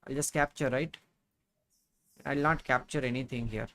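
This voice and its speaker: A man in his thirties co-hosts a live chess stream from a room at home. He thinks aloud as he talks through the moves, with many fillers and pauses along the way. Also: mid-range voice, fairly even intonation, a bit bright. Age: 30s. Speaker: chess commentator co-host. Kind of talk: casual chess commentary.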